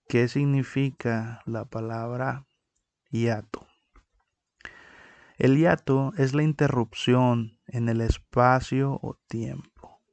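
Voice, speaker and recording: A man's voice: mid-range voice, vocal fry, a little mellow, no echo. A man teaching a recorded lesson on poetic meter, explaining step by step and counting syllables aloud.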